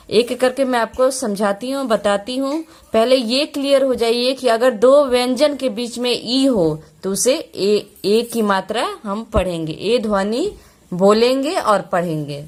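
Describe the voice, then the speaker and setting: A woman teacher, patiently explaining pronunciation rules, repeating each point and spelling out letters slowly. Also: fairly high pitch. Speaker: English teacher.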